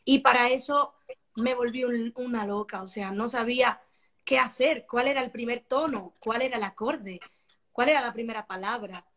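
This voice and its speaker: Woman singer, fairly high voice, animated and expressive, casual interview talk. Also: moderate pace. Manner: animated, expressive, repeats words while searching for them. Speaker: singer-songwriter guest.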